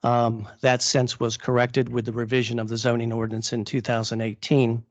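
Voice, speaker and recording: A man presenting formally at a public meeting as an applicant's attorney, halting with many fillers and restarts, and losing his voice. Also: mid-range voice, flat delivery, no echo, muffled recording. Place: council chamber.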